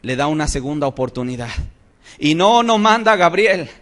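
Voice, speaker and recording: A man preaching a Bible-study sermon. He is impassioned, swings from soft to loud, and asks rhetorical questions. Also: fairly high pitch, animated, moderate pace.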